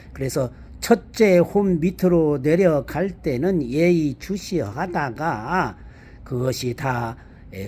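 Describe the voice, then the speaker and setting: A man giving an unscripted hands-on car maintenance demonstration, explaining step by step in a halting, repetitive way. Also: fairly high pitch, dark tone. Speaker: presenter of a car maintenance how-to video. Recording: amateur recording with background ambient noise.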